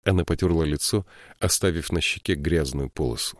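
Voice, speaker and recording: A man reading a fantasy novel aloud as narrator, in a measured, even way. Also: extremely low pitch, no echo, studio quality. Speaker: audiobook narrator. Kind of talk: scripted narration.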